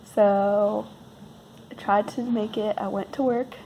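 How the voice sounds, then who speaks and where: Creaky, mellow woman with a sick voice. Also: mid-range voice, steady tone, takes it slowly, a little hiss or hum, rough recording. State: losing voice while sick. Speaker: vlogger. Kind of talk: casual rambling personal storytelling.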